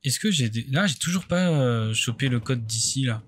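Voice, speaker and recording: A man's voice: mid-range voice, expressive, moderate pace, slight background noise. A man doing casual let's play commentary, thinking aloud and muttering hesitantly to himself in short bursts. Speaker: let's play video game streamer.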